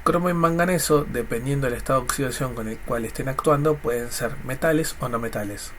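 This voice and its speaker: A man's voice: medium pitch, a little fast. Congested Rioplatense man teaching, noisy recording. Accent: Rioplatense Spanish. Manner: colloquial, jokey, voices students' questions and answers them. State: congested, snotty nose. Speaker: chemistry teacher. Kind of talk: informal recorded lesson. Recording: clear background noise. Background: noise.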